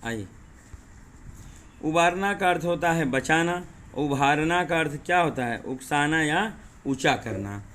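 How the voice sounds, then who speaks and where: A male teacher giving an exam-prep lesson, explaining word pairs slowly and repeating them, often asking rhetorical questions. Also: a little high, lively intonation, a bit bright. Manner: says 'dekhiye' and 'thik hai' often.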